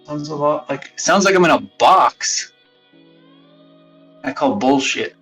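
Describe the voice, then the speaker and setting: Speaking slowly with lively intonation, a man with a fairly high, slightly bright voice chats casually on his live stream, rambling, swearing and ribbing himself, often muttering under his breath. He sits far from his phone, which works as a wireless webcam mic and gives a boxy speakerphone sound, as if from inside a box. Faint music runs underneath.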